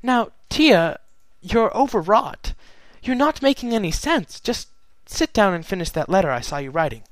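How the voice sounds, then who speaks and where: A man's voice: sits high, very animated, moderate pace, few pauses, dry recording, voice pushed up. A nervous younger pony princess, anxious yet trying to soothe, voiced by a man. Her voice climbs well above his own range. The recording is dry and close. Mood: anxious, soothing.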